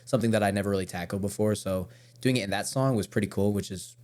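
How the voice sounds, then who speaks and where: Male metal vocalist guest, lowish voice, rambling casual delivery. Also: fast, darkish tone. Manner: loose, rambling, restarts mid-sentence. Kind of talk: casual interview chat.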